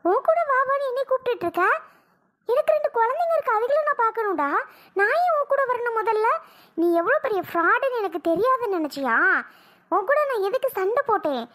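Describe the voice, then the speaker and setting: Woman voicing a cartoon young wife, very high-pitched, shrill, scolding, exasperated. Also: animated, brisk, fairly bright tone. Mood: angry. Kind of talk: cartoon voice acting.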